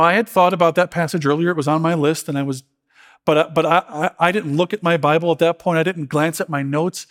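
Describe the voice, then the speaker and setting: A middle-aged man preaching a sermon as pastor, earnest and emotional, often restarting his words. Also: on the high side.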